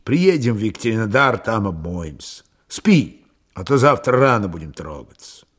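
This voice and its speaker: A man reading a gruff, caring Cossack. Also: lowish voice, sing-song, moderate pace, pitched below the performer's own voice. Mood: irritated hush. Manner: gruff, hushed, soothing.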